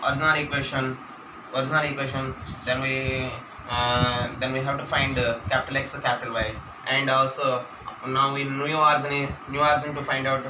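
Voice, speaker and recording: A man with an Indian accent gives a classroom maths lecture, dictating points and saying phrases over again. His voice sits at some distance from the microphone in a roomy, echoing space. There is clear background noise throughout. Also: medium pitch. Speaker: mathematics teacher. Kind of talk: classroom lecture for exam students. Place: echoey room, teaching at a board.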